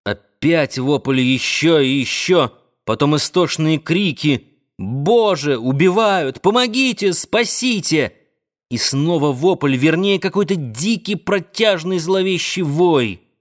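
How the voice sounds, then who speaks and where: A man narrating a novel as an audiobook in a measured, dramatic manner. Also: on the high side, lively intonation. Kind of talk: scripted literary narration.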